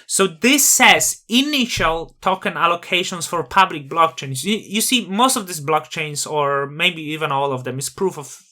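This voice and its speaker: Guy w/ an accent doing his crypto vlog, bright sharp voice, hypes himself up big and fires off rhetorical questions. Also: a little high, animated, normal speed, hardly any pauses. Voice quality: non-native English with a noticeable accent. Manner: grandiose self-aggrandizing persona, rhetorical questions. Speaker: crypto channel host. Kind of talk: casual opinion monologue on screen.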